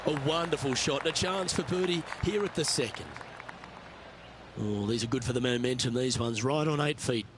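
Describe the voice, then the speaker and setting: A man's voice: fairly high pitch, natural voice. A man as a golf commentator, calling play-by-play for a video game tournament. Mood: engaged, admiring. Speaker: golf commentator, lead announcer. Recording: outdoor crowd noise behind commentary. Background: crowd and outdoor course ambience.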